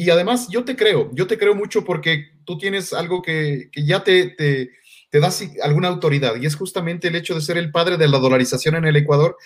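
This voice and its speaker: A male interviewer speaking in an effusive, admiring way, with halting restarts. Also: a little high, breathy edge. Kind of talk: conversational interview.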